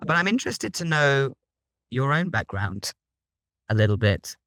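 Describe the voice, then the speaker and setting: A man's voice: medium pitch, sing-song, unhurried, pushed and bright, no room sound. A man hosting an interview podcast, encouraging his guest and asking curious questions. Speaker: podcast host. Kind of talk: conversational interview.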